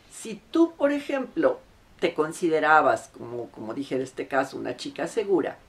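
A middle-aged woman counselor giving relationship advice straight to camera, earnest and emphatic. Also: on the low side. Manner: earnest and emphatic, acting out quoted clients.

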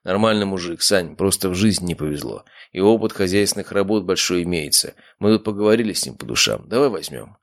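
A man's voice: low-pitched, expressive, fast, hardly any pauses. A man reading an audiobook voices the ghost of a blunt, joking Soviet-era man. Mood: friendly.

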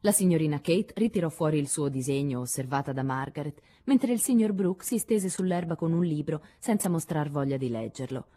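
A woman reading a classic novel aloud as an audiobook, calm and measured. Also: sits low. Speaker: audiobook reader.

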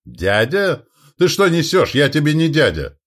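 A man voicing a blustering, irritable and cowardly middle-aged duke in an audiobook, talking in an indignant shout. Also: mid-range voice, sing-song, a little slow. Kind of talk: audiobook character voice.

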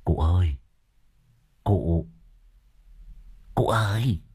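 A man's voice: extremely slow, dark tone, breathy edge, full character voice. A man voicing a mischievous old village man, teasing and cackling in a raised voice. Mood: sly teasing. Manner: cackling, teasing, high-pitched.

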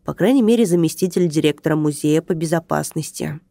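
A woman's voice: low voice, fairly quick, gravelly, warm tone, dry recording. Woman doing a fussy chubby security guard, barks orders, dry close sound. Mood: officious. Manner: officious, barking. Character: short round middle-aged male security guard, officious.

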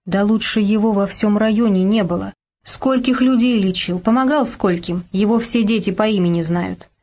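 A woman's voice: mid-range voice, moderate pace, darkish tone, natural voice. Woman voicing an indignant neighbour woman. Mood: reproachful. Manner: indignant, reproachful.

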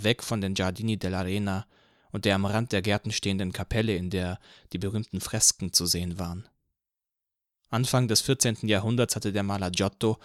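A man narrating an audiobook in the first person with an even, measured reading from a close studio mic. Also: fairly low pitch, no room sound.

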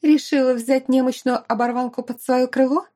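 A hysterical, spoiled young noblewoman shrieks at a high, strained pitch, as a woman reading an audiobook puts her on. Her tone stays mellow and warm underneath the yelling. She shouts every word in open fury. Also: measured pace, husky. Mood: venomous scorn. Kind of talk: audiobook character voice.

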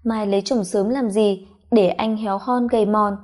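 A woman's voice: medium pitch, steady tone, moderate pace, a little mellow, natural voice. A woman voicing a tipsy, affectionate young husband who talks in a slurred, whiny, sugary way. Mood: tipsy teasing.

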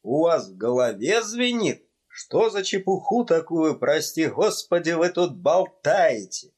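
A male reader voicing a pompous older vice-principal in a storybook, spluttering and shouting in rage. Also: on the high side, big pitch swings, measured pace, pitched above the performer's own voice. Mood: outraged. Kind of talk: audiobook character voice.

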